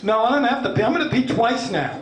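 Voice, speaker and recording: In an echoey, noisy comedy club, a fifty-something man from Long Island talks very high and fast in a New York accent while the audience laughs. He's in his late fifties, swaggering yet self-mocking, swears liberally, and impersonates the voices he quotes.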